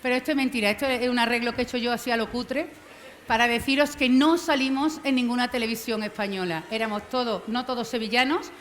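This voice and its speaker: A middle-aged woman giving a lively popular science lecture, theatrical and self-mocking, acting out the voices of people she quotes. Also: fairly high pitch, fast, slight background noise. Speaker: mathematician giving a public lecture. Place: outdoor science fair stage.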